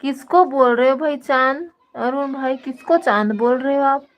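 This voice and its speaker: A woman's voice: high-pitched, moderate pace, lo-fi sound. A woman with a Chhattisgarhi accent hosting a casual live stream, reading viewer comments and teasing them playfully into her phone.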